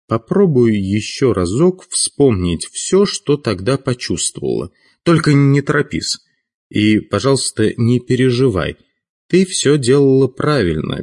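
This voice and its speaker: A man voicing a stern male chief of mages who speaks dryly and in a measured way, in an audiobook. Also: on the low side. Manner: dry, measured.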